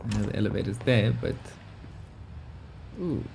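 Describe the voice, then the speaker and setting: A man's voice: on the low side, animated, normal speed, creaky, a little mellow, slight background noise. A man hosting a gaming video, giving casual, laid-back, musing commentary as he plays.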